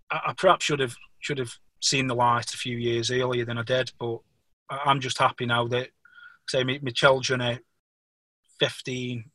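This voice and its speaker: A man's voice: mid-range voice, pushed and bright, dry recording. A middle-aged man with a Stoke-on-Trent Potteries accent, talking casually and hesitantly as an interview guest, often restarting his words. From Stoke-on-Trent, England. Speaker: podcast guest, police officer. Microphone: remote call.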